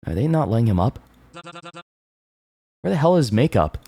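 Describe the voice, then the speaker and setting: A man's voice: medium pitch, big pitch swings, normal speed, dark tone, dry recording. Man acting a curt, jaded showbiz star. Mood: irritated. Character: irritable, jaded showbiz star grumbling backstage.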